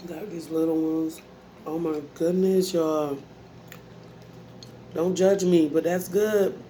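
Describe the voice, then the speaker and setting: Between bites and appreciative hums, an American mukbang host chats in an easygoing, folksy way. She speaks slowly in a low, mellow voice with a steady tone, and there is a slight hiss or hum in the audio.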